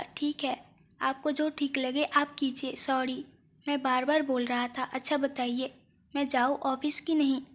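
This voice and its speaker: Woman storyteller reading a romance audio story, high voice, steady. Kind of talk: scripted audio story narration.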